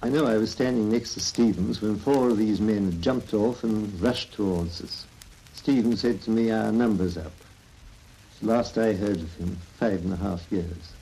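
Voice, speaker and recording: An old archive interview in which a man tells his story in a measured, plain way. His voice is low, gravelly and dark, with a husky edge. He speaks without any drama. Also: a little hiss or hum, rough recording.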